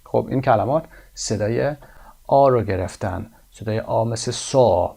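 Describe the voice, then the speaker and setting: A man with a Persian accent teaching an English textbook lesson, explaining in Persian and reading English examples slowly and carefully. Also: mid-range voice, gravelly, warm tone, slightly rough.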